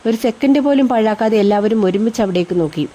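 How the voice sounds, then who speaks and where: A woman narrating a novel in a steady, measured storytelling manner. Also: fairly high pitch. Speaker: audiobook narrator. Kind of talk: novel reading.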